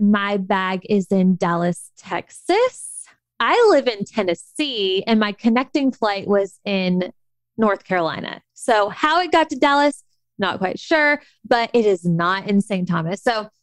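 A young adult woman telling a story in a casual, animated chat, with lots of restarts. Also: medium pitch, no echo. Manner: animated, chatty, many restarts.

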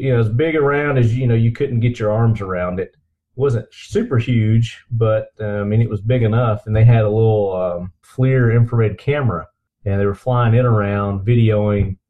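A podcast host with a lowish voice chats casually and enthusiastically at a normal speed. He's recorded through a computer's built-in microphone, giving a dull, lo-fi sound.

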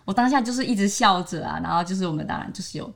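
A young woman in her twenties with a Taiwanese Mandarin accent tells a story in relaxed podcast chat. She often slips into brighter voices to quote her friends, and her own pitch sits in the middle range. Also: rapid-fire, gravelly. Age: 20s. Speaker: podcast co-host.

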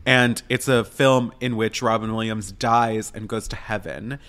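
A man's voice: on the low side, steady tone, measured pace, fairly bright tone. A man in casual film chat, talking in a playful, campy, slangy way.

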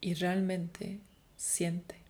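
A woman guiding a breathing meditation, speaking slow, soft affirmations that often drop to a whisper. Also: fairly low pitch, flat delivery. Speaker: meditation guide.

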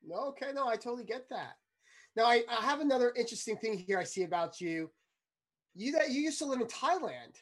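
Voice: medium pitch, animated, a little fast, a bit bright. Brief encouraging interviewer, curious follow-ups, mid-range voice. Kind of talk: casual interview talk.

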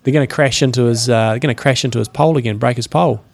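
A man's voice: mid-range voice, racing, vocal fry. A middle-aged man with a broad New Zealand accent, chatting casually as a dry, teasing podcast co-host. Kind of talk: casual chat.

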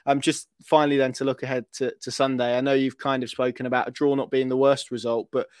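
A man's voice: medium pitch, little pitch movement, quick pace, darkish tone, no echo, clean studio sound. A man hosting a conversational football interview, asking long, hedged questions in a hesitant way. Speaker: interviewer, host.

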